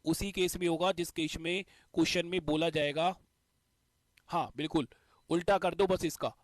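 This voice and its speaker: A man's voice: fairly high pitch, fairly even intonation, moderate pace, dry recording. A male teacher explaining a math concept step by step, repeating the key points. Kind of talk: exam-prep math lesson.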